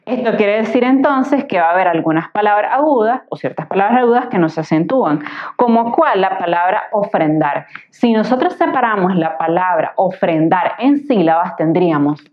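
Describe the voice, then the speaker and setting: A woman tutor giving a patient, explanatory grammar lesson, slowly sounding out words syllable by syllable. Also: medium pitch, lively intonation. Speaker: Spanish tutor. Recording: slightly dull lo-fi recording.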